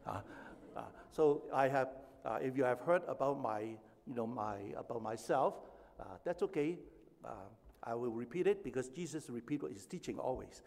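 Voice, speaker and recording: A man's voice: mid-range voice, lively intonation, moderate pace, gravelly, a little mellow. A man in his seventies from Hong Kong, preaching a sermon as pastor, with emphatic rising stretches and chatty personal asides. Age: 70s. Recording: echoey hall with long reverb.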